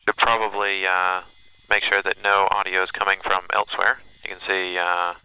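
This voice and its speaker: A man's voice: deep voice, flat delivery, moderate pace, noisy background. A man giving a casual, hesitant explanation as he demonstrates an audio setup. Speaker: pilot demonstrating cockpit audio recording.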